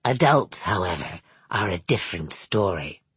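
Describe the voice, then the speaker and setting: A woman's voice: very deep voice, expressive, moderate pace, breathy edge, no room sound, voice pushed down, exaggerated voice. A woman reading a novel aloud, voicing a sinister older man who talks in a falsely polite carnival barker's voice. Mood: menacing. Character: sinister older man, sunny showman charm, menacing.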